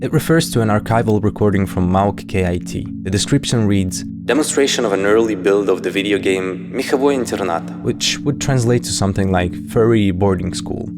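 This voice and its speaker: A man with a lowish voice hosts a horror series breakdown video, delivering scripted commentary with casual, wry asides. He speaks fairly quickly with hardly any pauses, and music plays behind his voice.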